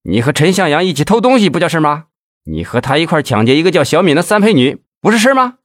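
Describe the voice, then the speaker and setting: A man's voice: medium pitch, big pitch swings, fairly quick, gravelly, fairly bright tone, slightly rough, no room sound, studio quality, voice pushed up, full character voice. A man voicing a brutal, hot-tempered male police chief who curses and barks orders in an audiobook. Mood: furious. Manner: cursing, barking orders.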